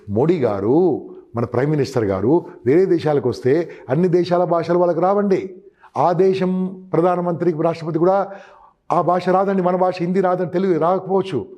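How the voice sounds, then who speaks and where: A man's voice: a little high, lively intonation, normal speed, dark tone, lo-fi sound. A man giving emphatic sales advice in an interview, often calling the listener boss and acting out customer exchanges. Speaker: sales trainer guest.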